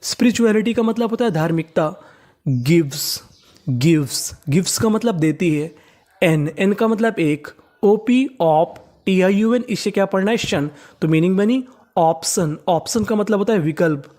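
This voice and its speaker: An English teacher giving a step-by-step reading lesson, spelling words out letter by letter, then pronouncing each one slowly and repeating it, with rhetorical questions to the learner. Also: mid-range voice, animated, a little mellow.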